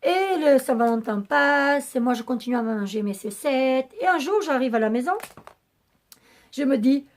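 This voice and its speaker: Brief: woman vlogger, raspy and a bit hoarse, slightly high voice, rambling casual chat. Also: lively intonation, normal speed. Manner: rambling and chatty, many hesitations. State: losing her voice. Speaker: beauty vlogger.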